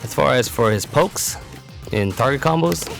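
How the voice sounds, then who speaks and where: This man's medium-pitched voice has lively intonation and some vocal fry, and he speaks at a moderate pace. Presenting a character demo as a competitive gamer, he delivers straightforward tutorial commentary for a fighting game while music plays.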